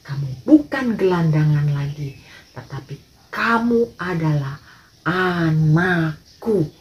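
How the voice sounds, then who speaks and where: A gentle yet firm wealthy father in a children's storybook tale, as a woman storyteller puts him on. He speaks slowly, with a lively rise and fall, laying down kind but serious words to a new son. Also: sits low, muffled recording. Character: kind rich father adopting a street boy.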